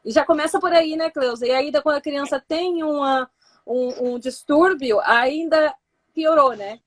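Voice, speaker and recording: A woman's voice: high-pitched, moderate pace. A woman as a guest in a casual live chat, speaking hesitantly with lots of fillers.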